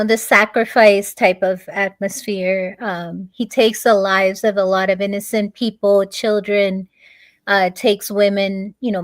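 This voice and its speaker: Slow, halting woman telling a story. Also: mid-range voice, dry recording. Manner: halting, with many fillers and restarts. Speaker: guest. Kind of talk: storytelling in a conversation.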